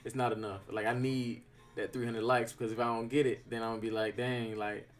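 A man hosting a casual podcast chat, slangy and quick to agree and laugh along. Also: mid-range voice, little pitch movement, faint music behind.

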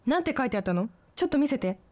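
Woman as frightened young woman in a student radio drama, high and very lively pitch, panicked pleading. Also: rapid-fire. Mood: puzzled.

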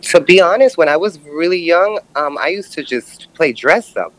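A male-sounding voice in the early thirties, from Brooklyn, giving a personal interview in a halting, reflective manner. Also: on the high side, animated, a bit bright, poor audio. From Brooklyn, New York. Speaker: podcast guest.

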